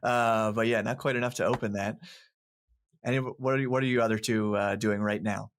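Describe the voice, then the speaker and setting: A man's voice: lowish voice, fairly even intonation, brisk. A man narrating a tabletop game as game master, describing scenes in a rambling way full of fillers and laughs. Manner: laughs often between descriptions.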